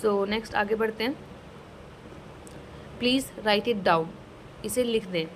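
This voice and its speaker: A woman teaching a casual language lesson, slowly explaining each phrase and repeating it twice, mixing English words into her talk. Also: mid-range voice, a little hiss or hum, rough recording. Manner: mixes English words into Hindi.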